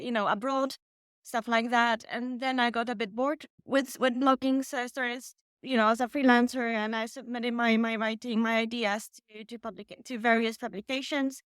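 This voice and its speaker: A woman's voice: fairly high pitch, fairly bright tone, smooth, dry recording, studio quality. A woman in her thirties from Poland, a native Polish speaker, answering interview questions with frequent restarts. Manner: halting, many restarts. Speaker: author guest. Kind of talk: casual interview.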